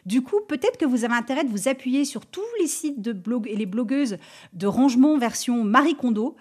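Woman advisor giving structured feedback. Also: a little high. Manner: clear, structured, quick to laugh. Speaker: business advisor. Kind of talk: expert feedback on radio.

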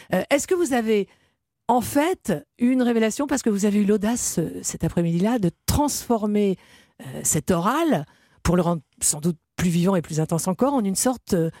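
A woman's voice: medium pitch, lively intonation, moderate pace, dark tone, dry recording, clean studio sound. A woman interviewer who asks long, elaborate questions in a formal, courteous manner, with an occasional filler sound.

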